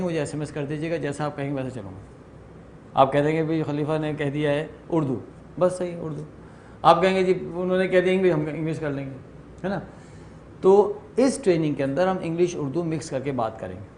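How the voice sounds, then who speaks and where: A middle-aged man with a fairly high, slightly mellow voice runs a training workshop, with a little hiss or hum in the recording. Speaking informally to the room, he mixes in English phrases and tells self-deprecating anecdotes, acting out the dialogue.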